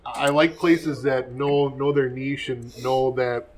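A man's voice: mid-range voice, slow pace. A man co-hosting a podcast, chatting casually while eating. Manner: relaxed, chatty, laughs easily. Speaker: podcast co-host. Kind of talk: casual chat over food.

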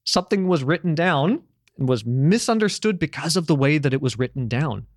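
Expressive and brisk, a man with a fairly high voice enthusiastically rambles through language history in a casual chat, with many restarts and the occasional curse. He's a first-language English speaker who also grew up with French at home. The recording is studio quality, with no echo.

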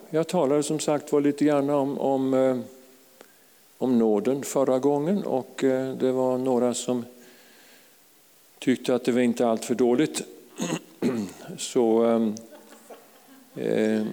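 A man preaching a fervent sermon to a congregation, calling out hallelujahs and sometimes rising to a shout. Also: mid-range voice, big-room sound. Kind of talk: charismatic sermon. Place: church.

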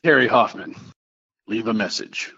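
An actor playing a lawyer whose curt voicemail greeting plays over a phone. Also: male voice, fairly low pitch, expressive, normal speed, vocal fry, pushed and bright, slight background noise, exaggerated voice. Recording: muffled phone line.

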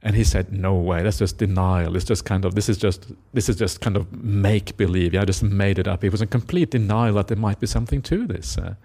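A middle-aged monk from Norway gives a Dhamma talk in a low voice with a gravelly edge. His delivery is reflective and unhurried. He keeps checking in with listeners through a soft "eh?". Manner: reflective, tags lines with a questioning "eh?"; gentle laughter, hesitant fillers. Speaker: Buddhist monk teacher.

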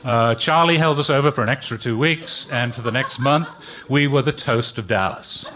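A man's voice: mid-range voice, normal speed, sharp tone, dull audio. An older man telling a comic story live, with a dry, wry delivery and playful put-on voices. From Britain.

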